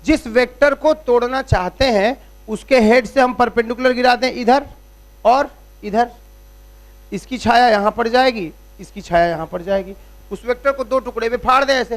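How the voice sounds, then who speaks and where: A man teaching physics as a classroom lecture at a board, explaining step by step and checking in with rhetorical questions. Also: very high-pitched. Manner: uses everyday analogies.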